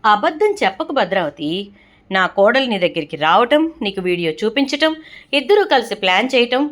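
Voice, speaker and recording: A woman voicing a stern, angry middle-aged family patriarch in a retold serial, scolding and shouting. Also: mid-range voice, sing-song, normal speed.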